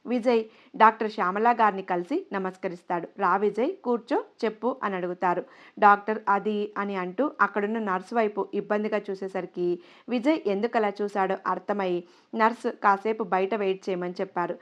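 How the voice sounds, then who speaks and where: A woman's voice: mid-range voice, fairly even intonation, a little fast. A woman reading a family drama story aloud, voicing every character's lines in her own voice with light emotion. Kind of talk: scripted story narration. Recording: slightly dull lo-fi recording.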